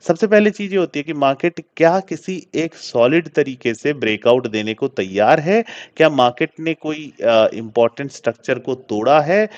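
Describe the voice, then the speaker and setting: A man giving a screen-share trading lesson, explaining step by step, often asking and answering his own questions and slipping English words into his talk. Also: medium pitch. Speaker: trading teacher. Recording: dull lo-fi sound.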